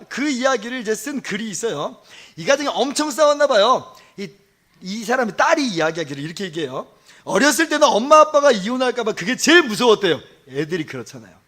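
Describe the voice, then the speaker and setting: A male pastor preaching a Sunday sermon, telling a story with self-deprecating humor and swinging from soft asides to loud outbursts. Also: high voice.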